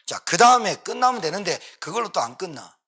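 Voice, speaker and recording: Bright, husky-voiced man preaching emphatically. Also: high-pitched, sing-song, a little fast. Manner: emphatic, repeats points for stress, acts out quoted pleas. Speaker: pastor. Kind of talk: sermon.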